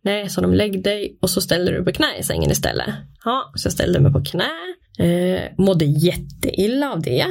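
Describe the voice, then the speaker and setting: Candid young woman with a gravelly voice. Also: on the low side. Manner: candid, animated, frequent fillers. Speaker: interview guest. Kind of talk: casual personal storytelling.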